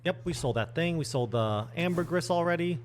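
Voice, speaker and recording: Man muttering through a game, lively pitch. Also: a little fast. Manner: thinking aloud, muttering asides. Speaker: streamer. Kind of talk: casual gameplay commentary. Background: faint game music.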